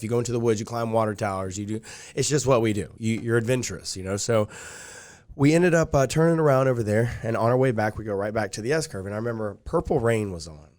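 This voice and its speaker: A man's voice: mid-range voice, darkish tone. A young man telling a long personal story in casual chat, rambling with lots of fillers. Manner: rambling, many fillers like "like" and "dude". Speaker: podcast guest.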